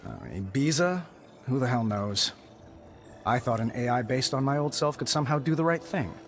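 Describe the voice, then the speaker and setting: A man's voice: medium pitch, close to an everyday voice. A man playing a driven, wisecracking superhero inventor in a video game, sardonic and casual. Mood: wry, sincere. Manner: sardonic, casual, quick to quip. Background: music.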